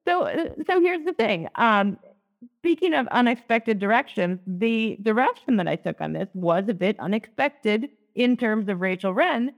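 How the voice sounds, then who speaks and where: A woman's voice: a little high, animated, normal speed. A woman co-hosting a lectionary podcast, talking in a chatty, teacherly way. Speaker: podcast co-host, Lutheran. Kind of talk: casual lectionary podcast chat.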